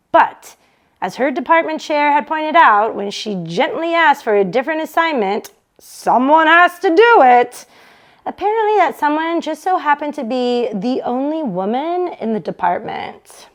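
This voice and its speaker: Her voice is high as she hosts an online book club read-along. The woman reads a novel aloud with plenty of expression.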